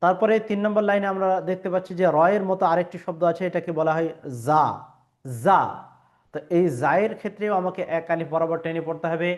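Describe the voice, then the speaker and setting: A man with a somewhat high voice gives a patient lesson on pronouncing Arabic letters. He stretches each sound out to model it and pauses often with small fillers. The recording sounds dull and lo-fi. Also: fairly even intonation, a little mellow. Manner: patient and explanatory, models sounds by drawing them out; frequent hesitation fillers. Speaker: Quran reading teacher.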